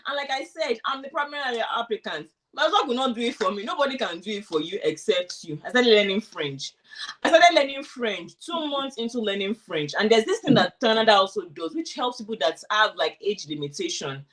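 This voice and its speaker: A woman's voice: fairly high pitch, a little fast, far from the mic, a little hiss or hum. A woman being interviewed, chatting casually and animatedly about her own experience, acting out what she thought and said. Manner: animated, acts out quoted thoughts. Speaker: interviewee sharing her immigration story. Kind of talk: casual conversational storytelling.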